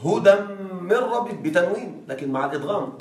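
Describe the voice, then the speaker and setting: A male teacher leads a grammar class and keeps prompting his students to finish his sentences. His voice sits a little high and carries through a roomy, echoing classroom. The mic picks him up from some distance. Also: expressive. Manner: quizzes students with fill-in-the-blank prompts; slow, stressed reading of example phrases. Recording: echoey room, distant mic.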